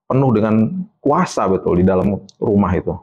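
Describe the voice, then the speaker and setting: Animated middle-aged male evangelist. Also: on the low side, brisk, phone-quality sound. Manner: lively, animated storyteller. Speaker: evangelist guest. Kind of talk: casual interview storytelling.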